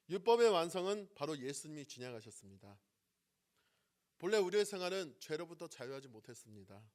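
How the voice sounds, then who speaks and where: A man preaching a sermon as pastor, often asking the congregation questions and swinging between loud emphatic phrases and soft trailing endings. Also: fairly high pitch. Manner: asks the congregation questions and waits for replies.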